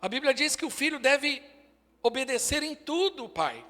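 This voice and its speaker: This Brazilian Portuguese-accented pastor, a man in his forties, has a very high, sing-song voice with a sharp tone and a moderate pace. He delivers his sermon in brief, emphatic declarations, captured with long hall reverb.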